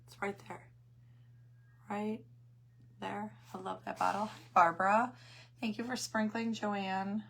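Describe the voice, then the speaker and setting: Woman, hoarse failing voice, mid pitch, casual livestream host, chatty, greeting viewers. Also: steady tone, measured pace, long pauses, a bit bright. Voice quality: hoarse, voice cutting in and out. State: losing her voice after coughing.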